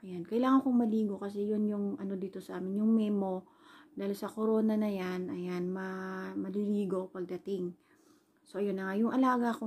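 Woman, Filipino accent, casual storytelling vlog, rambling with fillers, mellow tone, breathy texture. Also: mid-range voice. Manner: rambling, fillers like "ayan", retells quoted dialogue. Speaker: overseas worker and caregiver vlogger.

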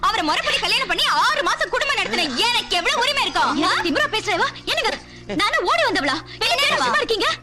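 Brief: sharp-tongued, defiant young wife, quick and high-pitched. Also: female voice, very animated. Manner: sharp, scolding, combative. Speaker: actress. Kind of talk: Tamil film dialogue. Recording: film scene over loud background score.

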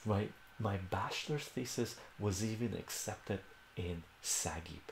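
An older man, Armenian his first language, hosts a casual livestream from a room at home, answering viewers' questions while rambling and correcting himself. His voice is lowish and unhurried with vocal fry, and the room echoes over a slight hiss or hum.

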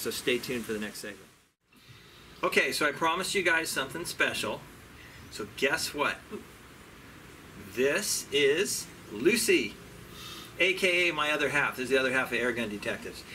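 A man hosting a casual airgun review at an outdoor range, chatty and relaxed with frequent fillers. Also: medium pitch, noisy background.

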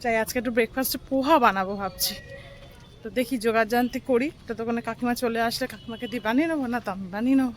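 Woman vlogger, slightly high voice, chatty everyday commentary, handheld phone, noisy background. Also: rapid-fire. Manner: chatty, talks while doing chores. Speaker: vlogger and mother. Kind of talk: casual running commentary to the viewers. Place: market outdoors, then at home. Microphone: phone held in hand.

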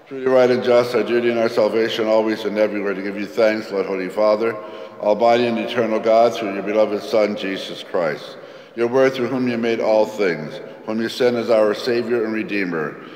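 A man leads the liturgy in a low, solemn voice, reciting each prayer at a steady, measured pace. His words ring out with a long cathedral echo, as in a large, roomy church. Each phrase hangs in the air of the hall. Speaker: priest. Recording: long echoey church reverb.

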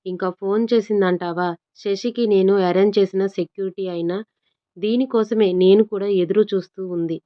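A woman voicing a steady young man. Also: medium pitch, moderate pace, lo-fi sound, lightly acted. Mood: plain.

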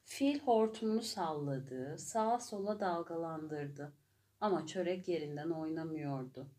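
A woman narrating a children's story in a slow, gentle and clear way. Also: low voice.

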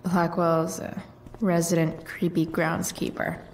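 A woman's voice: on the low side, little pitch movement, slow pace, a little mellow, distant mic, slight background noise. A woman playing a sardonic, guarded, rebellious teenage girl in a video game, with a casual, sarcastic way of talking. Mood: dry, sarcastic. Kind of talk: video game character acting.

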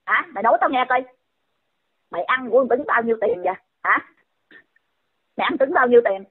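A woman's voice: on the high side, lively intonation, a little fast, breathy edge. A woman, scolding someone in a heated rant and firing off repeated insulting questions. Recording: tinny phone-line audio.

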